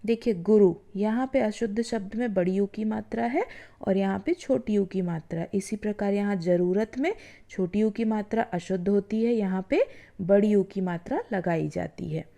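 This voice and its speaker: A woman teaching schoolchildren, explaining spelling mistakes and slowly sounding out example words, often checking in with "ठीक है". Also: mid-range voice, vocal fry, warm tone. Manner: drawn-out demonstration of words, frequent "है ना" and "ठीक है"; addresses the students directly as children. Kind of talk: classroom lesson explaining spelling errors.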